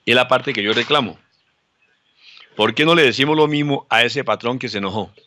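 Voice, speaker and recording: A man's voice: mid-range voice, fairly quick, pushed and bright, no echo. A male pastor preaching a sermon emphatically, repeating phrases and asking rhetorical questions.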